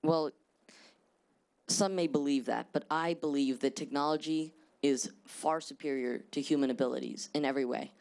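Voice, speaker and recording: A man's voice: fairly high pitch, steady tone, moderate pace, vocal fry, a little mellow. A male presenter at a mock school board meeting, answering questions confidently but with many "uh"s. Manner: confident, hesitant fillers, many "uh"s.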